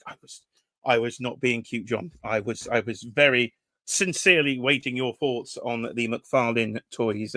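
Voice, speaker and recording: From the United Kingdom, this livestream host runs a toy-collecting stream, greeting viewers from chat by name, chatting casually and teasing them. His mid-range voice sounds pushed and bright, with no echo.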